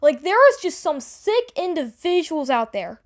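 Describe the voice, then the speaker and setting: A woman giving an unscripted, defensive personal explanation to an online audience, rambling and halting with repeated words and casual swearing. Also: high-pitched, sing-song. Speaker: online creator addressing the audience. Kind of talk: unscripted personal apology and self-defence video.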